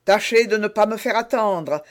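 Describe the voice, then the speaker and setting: A man's voice: high-pitched, normal speed, pitched above the performer's own voice, natural voice. A man voicing a proud, wounded musketeer who speaks in a haughty, menacing way, in an audiobook reading. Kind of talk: audiobook character voice.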